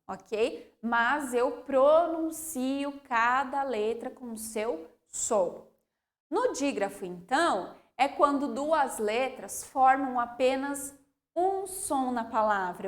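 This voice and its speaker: Brazilian woman, primary teacher, high voice, unhurried delivery, keeps checking in with pupils. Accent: Brazilian Portuguese. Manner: checks understanding with frequent "ok?" and "né?", sounds out words slowly. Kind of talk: slow, clear classroom explanation.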